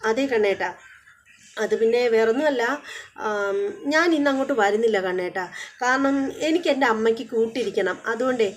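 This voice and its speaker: A sweet, teasing young wife who hedges and trails off before she gets to the point, as a woman retells her scene. The voice sits high and light. It is told as a spoken recap of a TV serial. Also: slight background noise, close to an everyday voice. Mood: coy. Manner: coaxing, hesitant, with many trailing pauses.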